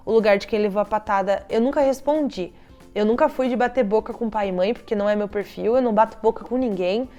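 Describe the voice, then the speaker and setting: A woman's voice: medium pitch, a little mellow. A young adult woman, a child psychologist, talking casually to fellow therapists and telling stories about difficult families, quoting parents' lines as she goes. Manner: chatty storytelling, acting out parents' quoted lines.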